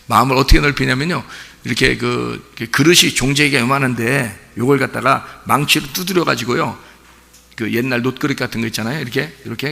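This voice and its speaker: A male pastor in a church sanctuary delivers his Sunday sermon in a conversational style, repeatedly asking the congregation rhetorical questions. He has a creaky, mid-range voice with a sharp tone. There is long church reverb throughout the recording.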